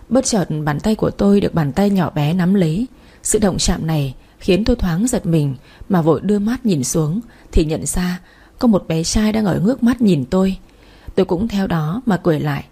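A woman reads a first-person romance novel aloud with gentle, heartfelt feeling. Her voice is mellow and warm, with a husky, breathy edge. Her delivery stays soft and tender throughout. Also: fairly low pitch. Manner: gentle, emotive reading. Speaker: audiobook narrator.

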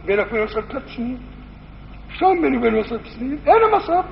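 A man's voice: extremely high pitch, lively intonation, racing, creaky, slight background noise. A man with a Syrian Arabic accent teaching a religious lesson, telling stories and acting out the dialogue in shifting voices. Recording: muffled old recording in a reverberant hall.

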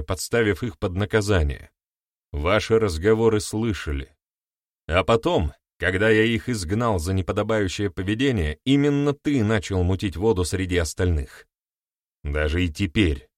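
A man's voice: fairly low pitch, no echo, studio quality, lightly acted. Stern village sorcerer, read by a man. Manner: firm and declaiming. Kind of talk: audiobook reading.

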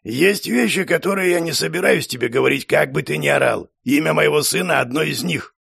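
Audiobook: man voicing a weary, grieving old father. Rough, gravelly, slightly raised pitch. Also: a little fast, fairly bright tone, no room sound, clean studio sound, full character voice. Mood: firm.

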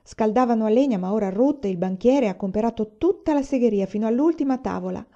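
A woman's voice: on the high side, quick pace. A woman reading as a cheerful pioneer father. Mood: cheerful, reassuring. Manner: steady, reassuring. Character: cheerful resourceful pioneer father, grown man. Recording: dull lo-fi recording.

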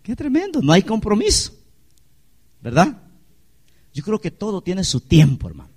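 Animated preacher man. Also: high voice, moderate pace, husky. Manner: animated preaching with rhetorical questions. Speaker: pastor. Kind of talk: sermon.

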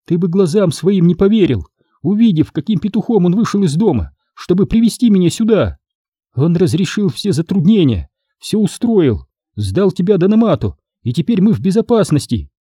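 A woman's voice: fairly low pitch, very animated, normal speed, warm tone, husky, dry recording, clean studio sound, voice pushed up. A man voicing a fierce, loyal young woman in an audiobook, pleading and scornful by turns. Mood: heated. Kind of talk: audiobook character voice.

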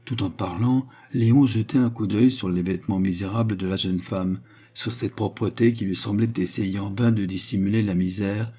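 A man narrating a novel as an audiobook in a measured, even reading. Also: on the low side. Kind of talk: scripted narration.

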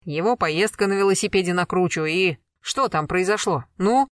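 A stern former colonel pressing a suspect, voiced by an audiobook reader. Measured, cold and relentless, with a commanding edge. Dry, close sound. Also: medium pitch, a bit bright, no room sound, close to an everyday voice. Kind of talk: audiobook character reading.

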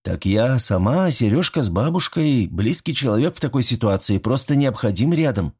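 A man voicing a strict, brisk young village medic woman who scolds in a stern way. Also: medium pitch, expressive, a little mellow, breathy edge, voice pushed up.

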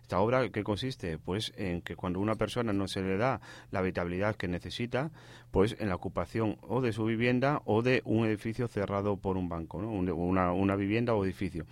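A fairly low-voiced man speaks on a dry, close radio mic as an interview guest. He pauses often, repeats words and corrects himself as he goes. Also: dry recording. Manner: halting, many restarts and self-corrections. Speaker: housing activist guest.

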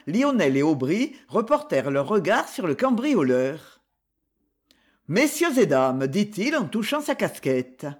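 Expressive audiobook narrator. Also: medium pitch. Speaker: audiobook reader. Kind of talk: scripted narration of a classic novel.

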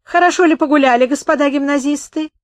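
A woman reading a story aloud, voicing a stooped male detective with a hoarse, sinister voice who turns spiteful and shrill. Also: quick pace, no echo, studio quality, close to an everyday voice. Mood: sneering. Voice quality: hoarse, hissing.

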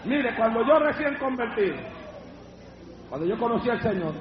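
A man's voice: very high voice, big pitch swings, normal speed, a crowd in the background. A man, a pastor preaching fervently and acting out his own testimony. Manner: fervent, acts out his own dialogue in the story. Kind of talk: Pentecostal sermon with testimony. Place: church service. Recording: echoey church with lo-fi sound and congregation.

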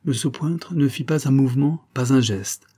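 A man reading a classic novel aloud as an audiobook, in steady, measured narration. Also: medium pitch, husky. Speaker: audiobook reader. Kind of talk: scripted narration.

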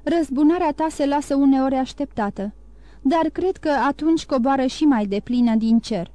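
A woman voicing a calm, grave male count disguised as a priest, speaking in a measured way, in an audiobook. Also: high voice, dry recording.

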